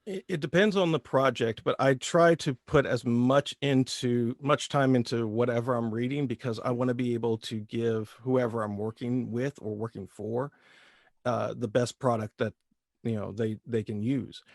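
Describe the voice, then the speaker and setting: A man in his thirties from Indiana, with a light rural Midwestern twang, chats as a voice actor guest in a casual interview. His mid-range voice is fairly even in intonation at normal speed, recorded with studio quality and no echo. He is easygoing and rambles, often restarting his sentences.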